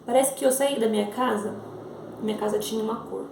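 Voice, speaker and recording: A woman's voice: a little high, steady tone, brisk, gravelly, echoey room, distant mic, noisy background. A Brazilian woman in her thirties telling her viewers an emotional personal testimony. She speaks earnestly, repeats phrases and addresses them directly. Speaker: mother sharing a faith testimony.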